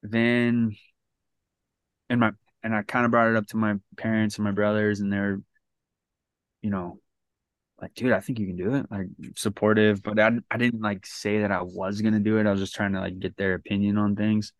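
Guy in his 30s rambling through his story on a podcast, low monotone, dry close sound. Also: moderate pace, no room sound. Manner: rambling, many restarts and "like" fillers. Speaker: podcast guest. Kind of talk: casual storytelling interview.

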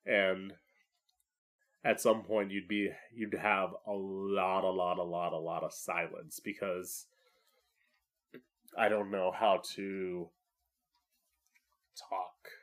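A man's voice: sits low, little pitch movement, slow pace, pauses often. A man who hosts a podcast as a drag queen, rambling solo in a campy, profane, self-mocking way. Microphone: podcast microphone, live streamed.

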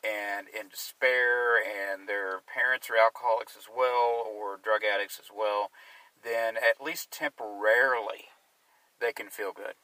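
A man who works in drug and alcohol counseling talks casually, thinking aloud and sometimes turning sarcastic. His voice is bright and forceful. He sits a little away from the microphone in a dry room. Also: on the low side, fairly even intonation, a little slow, dry recording, recorded from a distance, low-quality recording. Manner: conversational, sarcastic at times, searching for words. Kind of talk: casual discussion.

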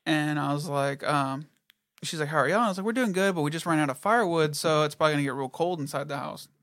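A man's voice: on the high side, fairly even intonation, fast, a bit bright, no room sound. A man in casual chat, telling a long story with heavy swearing and quoted back-and-forth. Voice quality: profane, storytelling with quoted voices.

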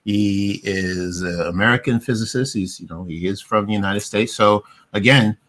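A man's voice: lowish voice, moderate pace, a bit bright. A middle-aged man hosting a casual movie review, talking in a rambling way with many fillers and restarts. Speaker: podcast host.

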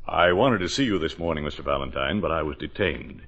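An actor playing a solemn, deadpan man who claims to be dead, in a 1940s radio mystery. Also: extremely low pitch, fairly quick, exaggerated voice. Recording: dull old radio recording.

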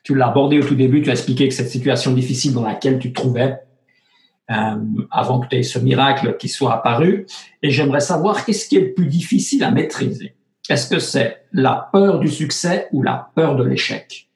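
A man's voice: medium pitch, a little fast, creaky, a little mellow. A man hosting an interview, asking questions and chiming in with short affirmations. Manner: friendly, brief affirmations and leading questions. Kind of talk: casual interview chat. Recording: roomy echo.

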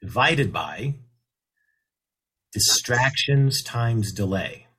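A man as a guest expert on a radio talk show, explaining leadership in a measured way and slowing down to stress key terms. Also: medium pitch, expressive, fairly bright tone, breathy edge.

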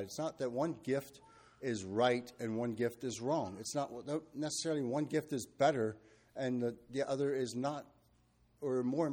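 A man preaching a sermon, talking freely with fillers and restarts, and reading scripture in a steady measured cadence. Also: mid-range voice. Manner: unscripted and searching, with restarts and fillers.

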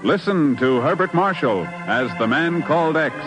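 A man's voice: fairly high pitch, expressive, moderate pace, over loud music. A man announcing and narrating a 1950s radio drama in a portentous, emphatic scripted style.

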